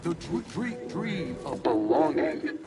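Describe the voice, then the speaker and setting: A man voicing a malfunctioning corporate archive AI that stutters and repeats syllables as it glitches, speaking in a grandiose sales pitch. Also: very animated, slow pace, far from the mic, over loud music. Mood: glitching. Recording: game audio over loud ambient noise.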